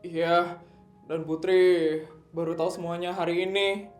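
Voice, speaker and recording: A man's voice: high-pitched, little pitch movement, unhurried. A man doing chatty, supportive schoolgirl friends. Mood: explaining. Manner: comforting, casual chatter. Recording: echoey room, faint music.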